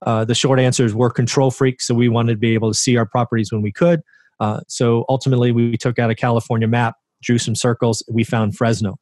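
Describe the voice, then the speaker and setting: A man in his forties talks through his own story as an interview guest, mid-pitched and conversational. He keeps tossing rhetorical checks to the listener, and the sound is dry and close. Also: little pitch movement, fast, a little mellow, no echo. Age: 40s. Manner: conversational, asks rhetorical "right?". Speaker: interview guest, real estate investor.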